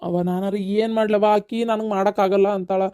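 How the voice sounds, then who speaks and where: A woman playing a calm village relative with a North Karnataka accent who speaks in a placating, matter-of-fact way. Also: mid-range voice, normal speed, clean tone, lightly acted. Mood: helpless. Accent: North Karnataka Kannada.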